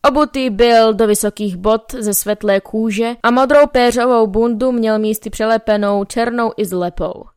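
A woman reading a novel aloud as first-person narrator, in a measured, wry storytelling manner, close to the mic. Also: a little high, a little mellow, smooth, no room sound. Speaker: audiobook narrator.

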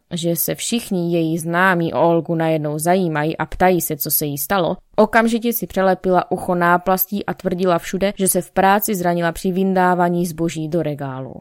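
A woman reading a story aloud in a calm, wry manner, voicing the characters' dialogue herself. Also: lowish voice, dry recording, clean studio sound. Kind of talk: audiobook narration with dialogue.

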